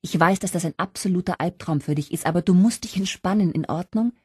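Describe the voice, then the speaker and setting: A young woman friend talks urgently and coaxingly through a door, as a woman reading an audiobook does her. The voice is a little low and sounds close and dry. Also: fast talker, darkish tone, breathy edge, dry recording. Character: young woman friend, soothing then fierce.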